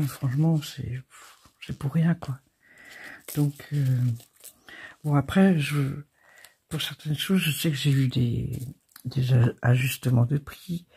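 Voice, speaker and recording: Slow, very husky woman, gravelly. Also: sits low, warm tone. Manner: chatty and halting, with many fillers; giggly, self-mocking. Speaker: crafting channel host. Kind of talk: casual show-and-tell of craft supplies.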